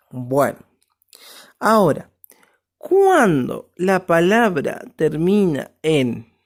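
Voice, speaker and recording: Slow, low-voiced woman teacher. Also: gravelly, a little mellow. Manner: explains step by step, often checks with "¿sí?". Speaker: English teacher. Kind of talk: recorded online class.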